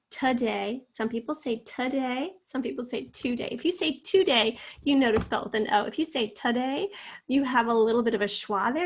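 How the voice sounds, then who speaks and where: A woman teacher with a slightly high voice walks students through a spelling lesson. She draws out each syllable slowly and speaks to them in an encouraging way. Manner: slow, drawn-out sounding out of words; encouraging, addresses students directly.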